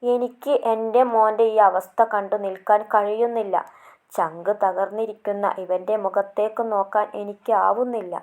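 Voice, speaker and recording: A woman's voice: mid-range voice, fairly even intonation, moderate pace, darkish tone, lightly acted. A woman voicing a distraught doting mother. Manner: distraught, pleading. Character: anxious, doting middle-aged mother.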